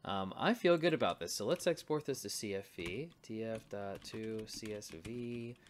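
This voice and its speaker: Muttering while he types, a man presents a relaxed coding tutorial and thinks aloud about his on-screen work. He speaks on the low side at a moderate pace.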